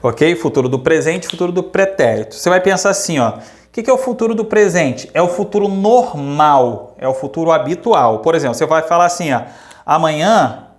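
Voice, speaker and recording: A man with a Brazilian Portuguese accent teaching a grammar lesson, lively and repeating examples slowly while checking in with questions. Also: fairly high pitch.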